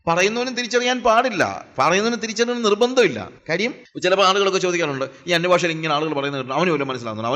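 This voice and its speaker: A man's voice: high voice, fairly bright tone, muffled recording. A man from preaching a Bible teaching sermon, asking rhetorical questions and mixing in English phrases. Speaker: evangelist.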